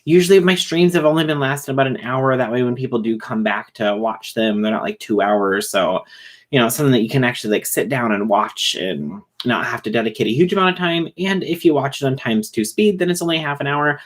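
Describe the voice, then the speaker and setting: A man hosting a casual livestream who talks fast and rambles, with many fillers and restarts. He is short on sleep. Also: mid-range voice. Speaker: livestream host reading chat.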